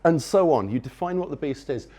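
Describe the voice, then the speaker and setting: Delivering a conference talk before a live audience, this speaker is animated and fairly quick, his voice a little high yet dark in tone. He is eager and wry, wandering off track and restarting frequently.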